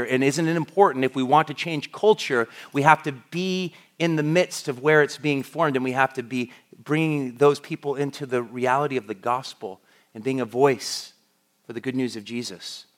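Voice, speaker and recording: Slightly high and a bit bright, this middle-aged man from the United States delivers a sermon as a pastor. His manner is conversational, marked by frequent restarts and fillers.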